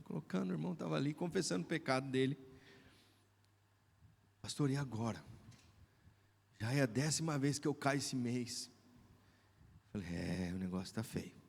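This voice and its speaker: A man with a Brazilian Portuguese accent, preaching a sermon as pastor and swinging from hushed tones to shouts. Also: mid-range voice, normal speed, gravelly, pauses often. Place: church hall. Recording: long church hall reverb.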